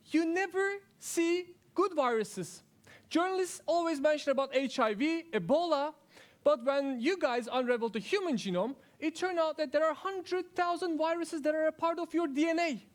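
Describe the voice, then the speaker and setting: A chatty good virus, played by a man. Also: very high voice. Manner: playful, chatty, addresses audience as children. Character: friendly talkative good virus. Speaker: science talk contestant. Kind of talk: first-person stage science talk.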